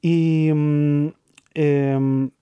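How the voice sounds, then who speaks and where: A Chilean man in his thirties co-hosting a casual conversation, speaking thoughtfully with pauses and fillers. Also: a little high, flat delivery, mellow, clean tone, no echo, lo-fi sound. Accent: Chilean Spanish. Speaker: co-host.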